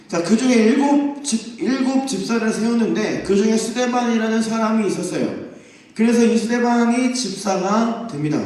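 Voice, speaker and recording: A young man preaching to a youth group, telling the story lively and acting out the voices of the people in it. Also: high-pitched. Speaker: youth pastor. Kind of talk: youth sermon. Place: church sanctuary. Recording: echoey church hall, distant mic.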